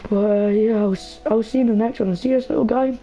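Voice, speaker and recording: Her fairly high voice stays steady in tone while moving at a quick pace. She's a young woman hosting a gaming video, nervously chatting with her viewers and a game character. The audio is dull and lo-fi, with game music faintly audible.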